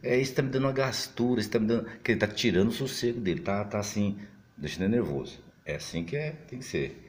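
A man speaking in a casual monologue, chatty and animated, his voice swinging up and down as he talks. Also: quick pace. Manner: animated, big pitch swings, mimics other voices; chatty, frequent fillers and restarts.

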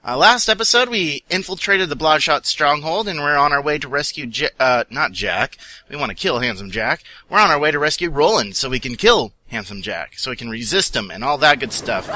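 A man's voice: fairly high pitch, expressive, brisk, pushed and bright, no echo. A man hosting a gaming video, giving casual let's-play commentary, rambling and joking as he plays. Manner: rambling, joking, talking to himself. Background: game gunfire.

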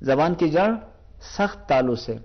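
Animated and a little high in pitch, a man leads a televised Quran recitation lesson, explaining pronunciation patiently and repeating sounds slowly one by one. The highs are cut off in the audio.

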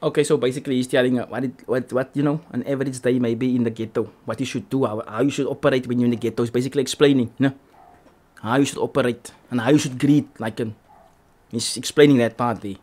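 A man's voice: mid-range voice, fairly even intonation, fast talker, darkish tone. A man giving casual commentary on a song and repeating his points with emphasis. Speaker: reaction video host.

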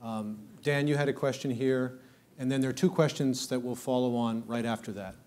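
Brisk man moderating a panel Q&A. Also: mid-range voice, darkish tone. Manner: brisk, polite, keeps time. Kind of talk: moderating audience questions. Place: wood-panelled hall with a seated audience.

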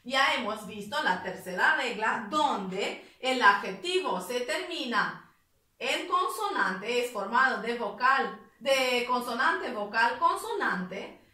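A woman teaching an English grammar lesson, explaining step by step and repeating words slowly. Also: fairly high pitch, animated, bright, forceful tone, echoey room, far from the mic.

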